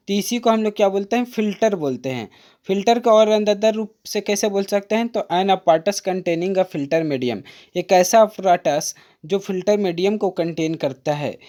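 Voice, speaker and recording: A woman tutoring diploma students for exams, explaining a diagram patiently and repeating key terms. She reads textbook definitions aloud slowly and calls the viewers "friend". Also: mid-range voice, a little mellow. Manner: patient, repetitive, addresses viewers as friend, mixes in English terms. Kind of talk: exam-prep lecture, explaining a diagram.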